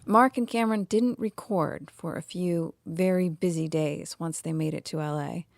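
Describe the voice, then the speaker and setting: A woman's voice: fairly low pitch, moderate pace, no echo, clean studio sound. A woman reading scripted narration for a radio documentary.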